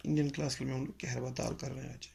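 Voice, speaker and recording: A man teaching a music lesson, explaining slowly and patiently with pauses and mixing in English phrases. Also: mid-range voice, level tone, vocal fry, mellow. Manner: mixes English phrases into Hindi. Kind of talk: spoken lecture.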